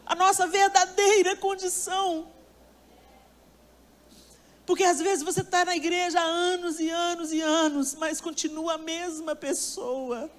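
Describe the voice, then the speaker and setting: A woman's voice: very high voice, steady tone, normal speed, hardly any pauses. A woman preacher delivering a sermon, telling a story with emphasis and speaking straight to her listeners.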